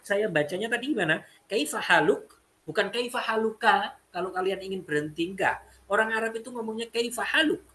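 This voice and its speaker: A man's voice: high voice, sharp tone, a little hiss or hum. A man teaching an Arabic lesson, explaining step by step and repeating phrases. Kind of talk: classroom lesson.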